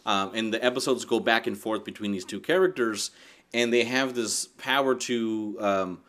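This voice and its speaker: A man's voice: fairly low pitch, moderate pace, fairly bright tone. A man co-hosting a casual podcast chat, laughing often and trailing off into fillers. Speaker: podcast co-host.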